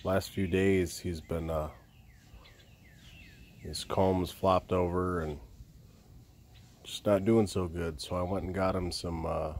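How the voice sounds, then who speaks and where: A man in his thirties vlogging outdoors in a rural backyard, talking in a subdued, halting way with frequent pauses, into a phone held at arm's length. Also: low-pitched, fairly even intonation, a little mellow, a little hiss or hum. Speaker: homestead vlogger. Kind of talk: casual vlog talk. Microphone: phone camera held at arm's length.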